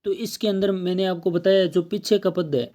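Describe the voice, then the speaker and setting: A man's voice: sits high, moderate pace, dark tone. A man teaching an exam-prep math lesson, explaining step by step and checking in often.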